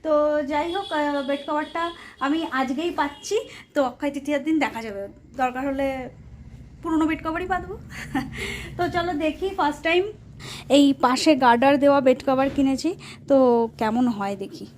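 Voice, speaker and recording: Bengal lady vlogging at home, kinda high voice, chatty, feeling poorly, little bit of background hiss. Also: a little fast, pauses often. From West Bengal, India. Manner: chatty, talks to viewers while doing housework. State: unwell with a painful leg. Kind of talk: casual home vlog narration. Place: home, kitchen and bedroom.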